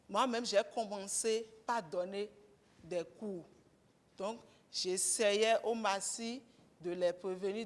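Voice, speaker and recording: A woman, a guest speaker talking candidly and conversationally, with gentle humor, to a breakfast audience. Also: mid-range voice, long reverb tail. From Benin. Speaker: guest speaker, mechanic and garage co-owner.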